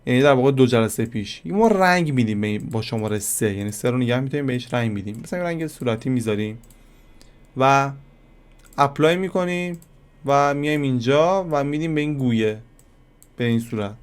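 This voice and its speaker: Casual man teaching software on screen. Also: medium pitch, animated, clear, resonant tone. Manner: casual, addresses viewers as kids, thinks aloud while clicking. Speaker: software tutorial instructor. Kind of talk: screen-recorded software lesson.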